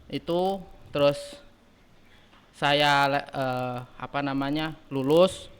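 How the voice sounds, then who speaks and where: A man in his early twenties, a student leader answering podcast questions in a halting way, often pausing to search for words. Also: a little high, clean tone. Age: early 20s. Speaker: guest, student council chairman. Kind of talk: casual podcast interview.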